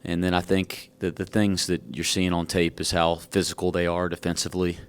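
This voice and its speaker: A man's voice: deep voice, monotone, a little fast, clear, resonant tone. A man coaching basketball, answering at a press conference while out of breath, frank and rambling with a self-joking manner. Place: press conference room at a podium.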